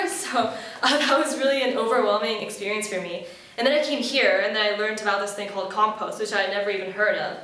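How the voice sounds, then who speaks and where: A woman's voice: mid-range voice, fairly bright tone. A woman in her twenties from Malaysia, chatting upbeat in an interview about leading a committee, with fillers and restarts. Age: 20s. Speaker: head chair interviewee. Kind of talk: casual interview answers. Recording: very echoey room, voice from a distance.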